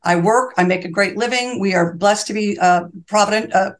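A woman in her sixties who specializes in reverse mortgages is a guest on an interview show. Her voice sits in the mid-range and moves at a moderate pace as she speaks earnestly and fervently in run-on sentences, frequently starting them over.

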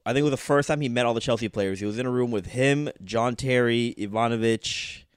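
A man's voice: mid-range voice, brisk, smooth, no room sound, studio quality. A man co-hosting a casual soccer podcast, telling stories with a laugh. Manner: storytelling, laughing. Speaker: podcast co-host. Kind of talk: casual chat.

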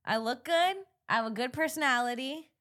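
A woman's voice: sits high, a little fast, fairly bright tone. Woman in her 30s from florida hosting a comedy pod, brash and sarcastic, cracks jokes nonstop. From Florida, United States. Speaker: comedian podcast host. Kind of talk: comedic casual chat.

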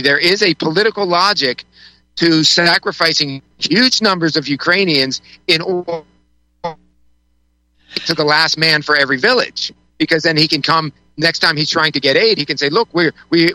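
A man talks politics as a guest on a talk show, his voice very bright and slightly high. He rambles, restarting sentences and filling gaps with "uh". The recording is dry and close. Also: no echo, rough recording. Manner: rambling, many restarts and fillers. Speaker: guest commentator.

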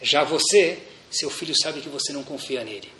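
A man's voice: a little high, normal speed, a little hiss or hum. A man giving a religious lecture as a rabbi, telling anecdotes and speaking straight to his audience. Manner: animated, anecdotal, addresses audience directly. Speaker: rabbi teaching a Torah class. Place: room with a seated audience. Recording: echoey room.

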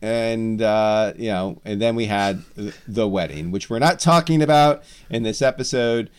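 A man's voice: on the low side, moderate pace, clean tone. A man co-hosting a comics podcast, talking casually and rambling with lots of fillers and jokes. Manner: rambling, jokey, many fillers. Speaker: podcast co-host.

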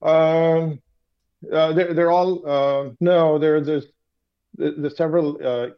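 Here the man's voice sits on the high side with a steady tone, heard through a muffled call. An Urdu-speaking interviewee from Pakistan, he chats casually, reflective and philosophical, stumbling along with many fillers.

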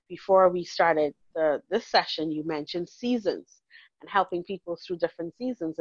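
A Bahamian woman in her forties, a counselor talking warmly and chattily in an interview, laughing easily. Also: on the low side, no echo, dull audio. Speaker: counselor and guest. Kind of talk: casual interview conversation.

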